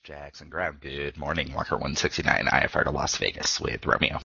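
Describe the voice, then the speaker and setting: A man with a very deep, gravelly voice reading back clearances as a pilot on air traffic control radio. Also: fairly quick, pushed and bright. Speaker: airline pilot. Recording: dull, dry radio audio.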